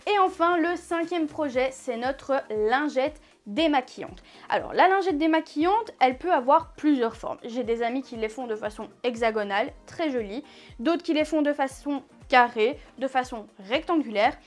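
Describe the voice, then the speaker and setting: A woman's voice: high-pitched, normal speed, soft background music. A woman gives a casual sewing tutorial, chatty and full of fillers and self-corrections. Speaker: sewing teacher.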